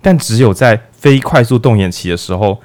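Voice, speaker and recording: Man hosting a podcast, lowish voice. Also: lively intonation, normal speed, darkish tone. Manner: playful, with jokes and acted-out asides. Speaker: podcast host. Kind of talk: casual explanatory podcast talk.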